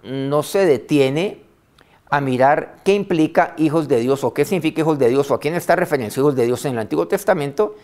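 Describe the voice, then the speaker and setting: A man preaching a sermon, reading scripture aloud with emphasis, slowing on key phrases and letting line ends trail off softly. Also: a little high. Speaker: pastor.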